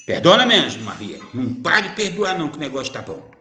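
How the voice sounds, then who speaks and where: A man's voice: on the high side, very animated, fast, bright, forceful tone. A man giving informal spiritual teaching as a medium, teasing and chatty, full of rhetorical questions. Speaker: spiritist medium answering viewers. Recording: roomy echo.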